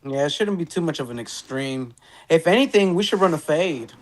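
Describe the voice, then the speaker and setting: A man in his twenties, a comedian who is the guest, chatting casually over a video call with short, relaxed replies. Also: on the high side, fairly quick. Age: 20s. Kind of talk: casual online chat.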